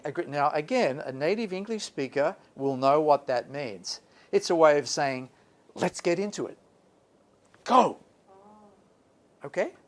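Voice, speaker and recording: A man giving an animated English lesson, speaking emphatically and theatrically in short, repeated phrases. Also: medium pitch. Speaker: English language teacher presenting. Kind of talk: animated lecture presentation.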